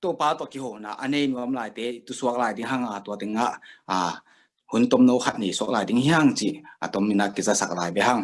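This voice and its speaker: A man hosts a live stream from a video call. He talks loosely and casually, filling his pauses with drawn-out "ah" sounds. His voice sits at an everyday middle pitch. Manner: loose and chatty, with frequent "ah" fillers. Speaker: host.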